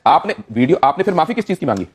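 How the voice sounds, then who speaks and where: A man's voice: a little high, sing-song, very fast, husky. A man moderating a TV debate, pressing with insistent questions and cutting in. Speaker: debate show anchor.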